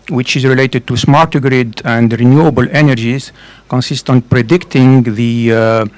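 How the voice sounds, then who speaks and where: A man with a French accent presents his research at a conference. He speaks haltingly, pausing often with fillers and restarting his phrases. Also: mid-range voice, no echo. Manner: hesitant, many fillers and restarts. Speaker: professor and researcher.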